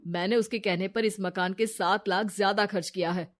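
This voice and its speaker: A woman voicing a wary, blunt adult husband in an animated storybook, who speaks in an accusing way. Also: mid-range voice, normal speed, close to an everyday voice. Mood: stern.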